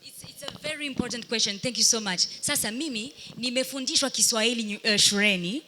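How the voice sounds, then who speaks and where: A dancer from Burundi, whose first language is Kirundi, answers audience questions during a live panel discussion. Her voice is a little high with a sharp tone, and she speaks in a halting, reflective way, pausing to search for words.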